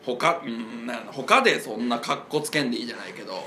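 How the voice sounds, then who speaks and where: A man's voice: medium pitch, fast talker, slight background noise. A man in casual chat, chiming in freely and giving his own views. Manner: relaxed, chatty, frequent backchannels.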